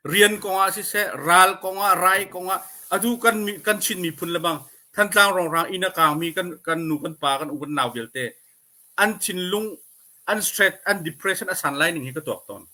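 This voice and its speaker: A man giving an informal educational talk on a community livestream, deliberate and dropping English terms into his speech. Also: high-pitched, bright, forceful tone. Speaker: speaker at a community support livestream.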